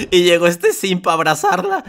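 A young man, hosting a reaction video with excited, playful commentary full of slang and exclamations. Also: high-pitched, unhurried, a little hiss or hum. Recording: music playing behind.

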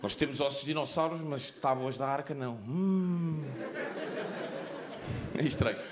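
A man with a European Portuguese accent doing a stand-up comedy set, brash and profane, mocking, swinging between loud punchlines and low asides. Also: moderate pace, crowd noise. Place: theatre stage before a live audience. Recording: roomy theatre sound with audience noise.

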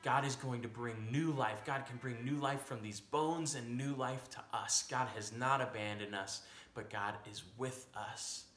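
A young American man acting as a pastor gives a children's sermon in simple, reassuring language. His mid-range, fairly bright voice moves unhurriedly with few pauses. He's indoors in a small room at home, and the recording is echoey with faint background noise.

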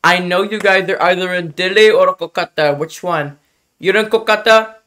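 A young man talks calmly and deadpan to a caller, spelling letters out one by one with patience. His voice is fairly high for a man. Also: moderate pace. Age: young adult. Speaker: scam baiter. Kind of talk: prank phone call.

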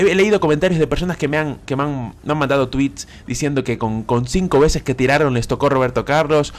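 Excitable man narrating a game. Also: medium pitch. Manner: animated, repeats phrases, cries out at big pulls. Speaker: gaming YouTuber. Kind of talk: excited gameplay commentary. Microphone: desk microphone.

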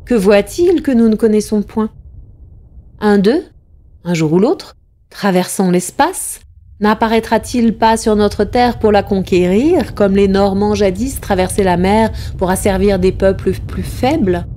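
A woman's voice: mid-range voice, unhurried, dark tone. A woman giving a dramatic reading of a classic tale, impassioned and rising to anguished cries in the tense passages. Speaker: reader.

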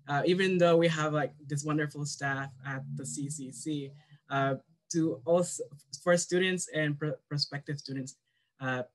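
A man's voice: fairly high pitch, a bit bright. A young man speaking as a student on a panel over a video call, hesitant, with many fillers and restarts. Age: young adult.

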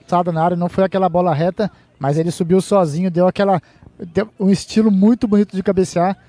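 A man's voice: high-pitched, steady tone, fast talker, warm tone, no room sound. A man with a Brazilian accent giving analysis during live football commentary. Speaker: match analyst.

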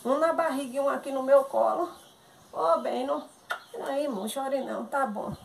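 A woman's voice: high-pitched, normal speed, vocal fry. Pleading woman in an echoey room. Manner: chatty, pleading, exasperated complaining. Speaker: content creator acting a comic sketch. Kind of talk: one-sided comic phone sketch. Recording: echoey room with loud background noise.

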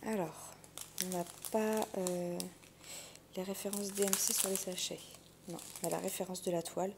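With a lowish, gravelly, vocal-fry voice, this craft unboxing host talks casually and thinks aloud at a moderate pace with a flat delivery. She's indoors at a wooden table, and clicks and crinkling plastic come through from her handling items.

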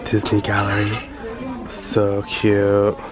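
Loud music and a noisy crowd nearly drown out this man's fairly low, slow voice. He's shooting a casual thrift-shopping vlog on a handheld camera in a store aisle, gushing excitedly about his finds and talking to himself.

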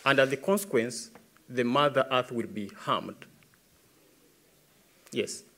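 A man's voice: medium pitch, slow pace, pushed and bright. A man in his thirties with a Ugandan English accent, speaking earnestly as an environmentalist answering questions at a tribunal, building emphasis as he goes. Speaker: environmentalist witness. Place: large dark conference stage. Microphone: podium microphone.

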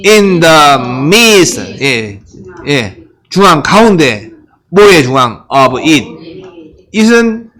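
A middle-aged male pastor teaching English Bible reading, asking and answering his own questions and drawing out English words slowly. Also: fairly high pitch, a bit bright, rough recording.

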